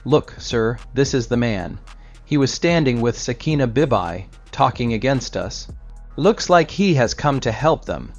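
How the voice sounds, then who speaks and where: A man's voice: mid-range voice, lively intonation, unhurried. A man voicing menacing village bullies. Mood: mocking. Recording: slightly dull recording with soft music.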